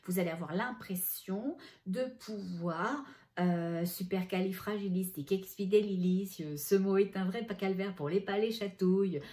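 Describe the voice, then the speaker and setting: A middle-aged woman, a spiritual medium chatting through a channeling session and passing on messages in gentle tones. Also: mid-range voice, a little slow, few pauses.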